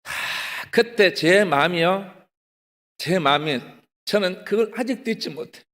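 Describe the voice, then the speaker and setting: Male pastor with a Gyeongsang accent, high and lively delivery, keeps addressing the congregation, echoing hall. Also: measured pace. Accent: Gyeongsang Korean. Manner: animated, often addresses the congregation, acts out his own excited pleading. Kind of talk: testimony sermon. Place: prayer retreat hall. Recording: long hall reverb.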